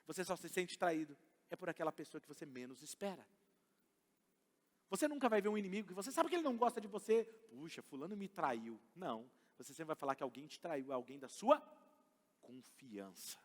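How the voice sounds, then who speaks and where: A pastor in his thirties preaching a conversational, animated sermon in a church, moving between loud emphatic lines and quiet asides. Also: high-pitched, fast. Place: church sanctuary. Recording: church hall reverb.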